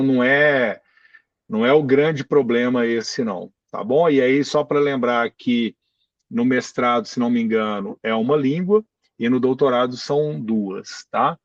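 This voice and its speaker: Professor explaining over a call. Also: male voice, medium pitch, dry recording. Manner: explanatory, often checking in with "tá?". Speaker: professor presenting a graduate admissions process. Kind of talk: online info session, answering questions. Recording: dull distant video-call audio.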